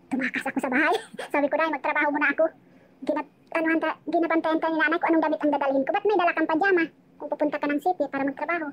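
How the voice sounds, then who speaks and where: On a live chat, a woman with a high-sitting voice casually recounts her life story. She rambles, gets emotional, and often restarts her sentences.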